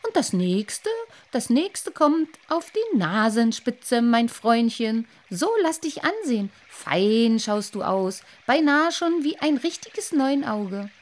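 A woman's voice: on the high side, sing-song, slow, pitched above the performer's own voice. A woman voicing a sly, spiteful many-eyed fish in a children's story, wheedling and mocking.

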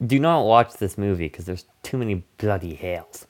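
A man's voice: fairly low pitch, expressive, moderate pace, a little mellow. A man hosting a casual movie review podcast, recapping the plot in a goofy, rambling way. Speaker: podcast host.

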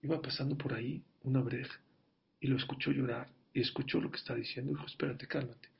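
A man telling a story in a sermon, slowing down and growing louder for emphasis. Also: medium pitch, steady tone, creaky. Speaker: religious teacher. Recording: dull lo-fi recording.

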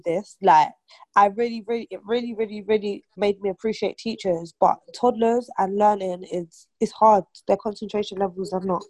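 A woman's voice: mid-range voice, fairly even intonation, moderate pace, dry recording. Young woman, casual group chat, rambling and filler-heavy, close dry sound. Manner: chatty, many fillers and restarts. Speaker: aunt and mother of a toddler.

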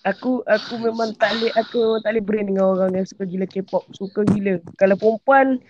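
A man's voice: sits high, steady tone, fairly quick, a little mellow, muffled recording, a little hiss or hum. A young man with a Malaysian accent chatting casually and bluntly, mixing in English and repeating his phrases. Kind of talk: casual chat with English mixed in.

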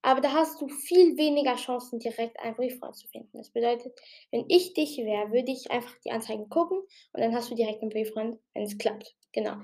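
A woman's voice: on the high side, darkish tone. A woman giving casual, rambling tips on her own show, with many fillers and restarts. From outside Germany. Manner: says she talked a bit fast. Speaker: podcast host giving tips. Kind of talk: casual spoken explanation.

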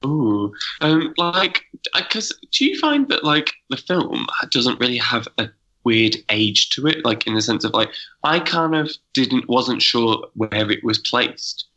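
A man's voice: medium pitch, very animated, a little slow, sharp tone, muffled recording. A man in his thirties chatting casually on a podcast, rambling and hesitant with lots of fillers. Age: 30s. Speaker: podcast panelist. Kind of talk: casual chat.

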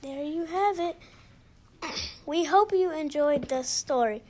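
A woman hosting a children's story show, reading a short scripted sign-off in a slow, deliberate way. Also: sits high, darkish tone.

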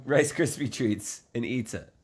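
A young male podcast co-host with an ordinary middle-pitched voice. He teases his friends and laughs easily. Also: a little mellow, husky. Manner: teasing, quick to laugh. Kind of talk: casual podcast chat.

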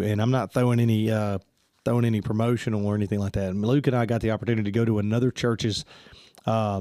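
A man with a low, dark voice hosts a church podcast, recorded in studio quality without room sound. Sounding congested, he speaks casually and amiably but haltingly, leaning on many fillers.

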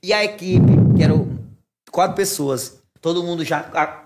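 A man, telling animated, self-mocking stories in casual chat and laughing often. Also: sits high, normal speed, heavy background noise. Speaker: podcast guest. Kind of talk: casual storytelling.

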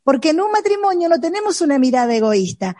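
A woman picks up the sermon in a high, clear voice. She speaks earnestly, with a few hesitant fillers. The recording is dry and close. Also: sing-song, fast talker, mellow, no echo. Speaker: co-preacher.

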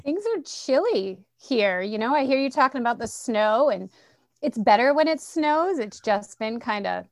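A woman's voice: a little high, animated, normal speed, no echo. Middle-aged woman guest from Massachusetts, friendly storyteller, dry close recording. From Central Massachusetts. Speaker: guest, education coordinator. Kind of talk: casual podcast interview.

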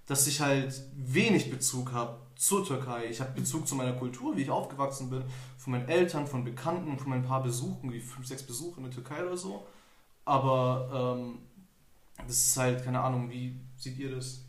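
A man's voice: medium pitch, moderate pace. A young man hosts a casual podcast chat and tells his own stories in a loose, rambling way, with plenty of fillers and restarts. His voice sits in a middle register. The room around him is echoey and carries the sound. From Germany. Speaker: podcast host. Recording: echoey room, somewhat off-mic.

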